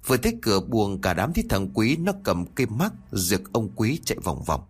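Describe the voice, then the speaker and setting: A man reads a village horror tale aloud with a lively, dramatic delivery. His voice sits low and a little husky, rising and falling freely. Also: brisk. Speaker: storyteller. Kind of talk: horror story narration.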